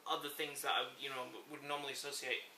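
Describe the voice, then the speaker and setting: A man's voice: mid-range voice, little pitch movement, fast talker, sharp tone, echoey room, far from the mic, a little hiss or hum. A man working in a wine shop, describing a wine's taste hesitantly with many fillers. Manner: hesitant, thoughtful, lots of fillers. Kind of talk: casual wine tasting chat.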